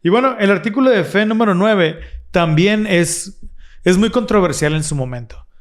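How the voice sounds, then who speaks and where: A man's voice: sits high, lively intonation, moderate pace. A man co-hosting a casual religious discussion, explaining earnestly and restarting his phrases often. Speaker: podcast co-host.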